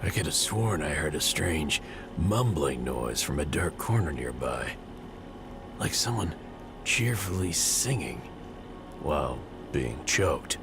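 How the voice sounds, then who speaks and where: A man voicing a sardonic male detective, reading game dialogue aloud in a low, husky voice. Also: very animated, slow, over music, heavily acted. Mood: brooding. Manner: hardboiled, sardonic. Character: gruff male detective investigating.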